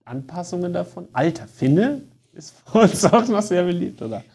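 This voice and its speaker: Podcast host chatting casually, mellow low-key voice, lots of ähm and restarts. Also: very animated, moderate pace, husky. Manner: hesitant, many fillers, restarts sentences. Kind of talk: casual conversation. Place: recorded in Stockholm.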